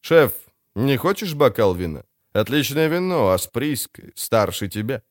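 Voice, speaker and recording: Picture a sly, self-satisfied crime boss, smooth and expansive as he talks his way out of trouble, his pitch rising and falling freely. A man reads him in an audiobook, recorded dry and close. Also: big pitch swings, measured pace, no echo. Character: vain sly older male crime boss. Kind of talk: audiobook character voice.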